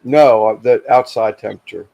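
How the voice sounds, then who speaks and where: A man hosting a casual livestream chat, telling rambling stories with lots of pauses and restarts. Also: lowish voice, gravelly, warm tone, lo-fi sound. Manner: rambling, halting storyteller. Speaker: livestream host.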